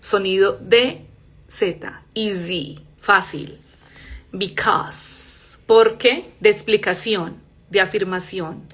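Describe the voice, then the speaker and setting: In a live pronunciation class, a young woman explains English sounds in Spanish and pronounces the words slowly and softly herself. She speaks in a mid-range voice.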